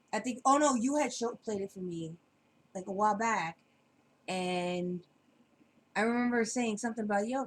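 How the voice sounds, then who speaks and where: A woman's voice: a little high, slight background noise, rough recording. Laid-back slangy woman co-hosting a podcast. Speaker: podcast co-host. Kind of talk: casual podcast chat. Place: home basement.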